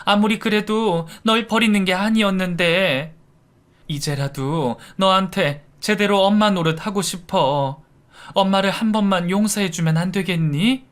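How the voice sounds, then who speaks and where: A woman's voice: medium pitch, measured pace, voice pushed up, lightly acted. A man voicing a middle-aged mother who tearfully begs her abandoned daughter's forgiveness in a storybook narration. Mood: tearful pleading. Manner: tearful, pleading. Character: sobbing middle-aged birth mother, remorseful.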